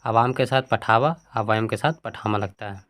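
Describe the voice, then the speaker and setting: A man's voice: fairly low pitch, moderate pace, fairly bright tone. Man teaching a textbook lesson. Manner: asks questions then answers them himself; reads word forms out one by one.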